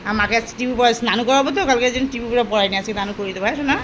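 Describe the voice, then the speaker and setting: High-voiced woman baby-talking her dogs. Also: very fast, a bit bright. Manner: coaxing, affectionate baby-talk to her dogs. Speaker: pet owner vlogger. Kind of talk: casual home vlog talking to pet dogs. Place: at home indoors. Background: dogs and household noise.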